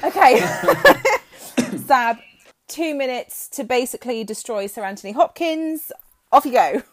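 A woman's voice: fairly high pitch, lively intonation, slow. A woman moderating a casual debate, breathless and giggly.

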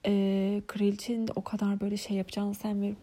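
A young woman co-hosting a podcast in casual chat, talkative and quick to laugh. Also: medium pitch, completely flat delivery, mellow. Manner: chatty, laughs often, fired up. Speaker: podcast co-host.

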